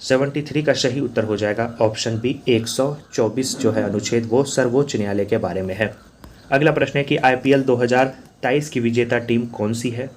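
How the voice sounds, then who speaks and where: A man's voice: mid-range voice, fairly even intonation, fairly quick, a little hiss or hum. A man teaching as an exam coach, working through quiz questions and answers in a repetitive, drilling manner. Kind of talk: quiz answer walkthrough lesson.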